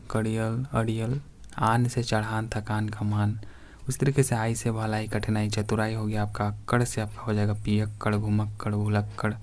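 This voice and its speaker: Low, flat-voiced man teaching grammar. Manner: reads word lists slowly and addresses viewers as friends. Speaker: exam prep teacher. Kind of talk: grammar lesson.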